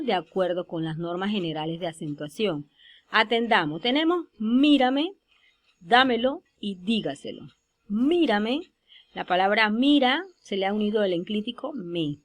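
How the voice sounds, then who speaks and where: A woman giving a spoken grammar lesson over slides, slowing down to stress example words. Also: medium pitch. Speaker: teacher.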